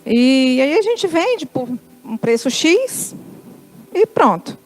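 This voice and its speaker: A woman's voice: sits high, very animated, slow, faint music behind, low-quality recording. A middle-aged woman with a Brazilian Portuguese accent giving a church testimony, telling a story and acting out the dialogue in quoted lines.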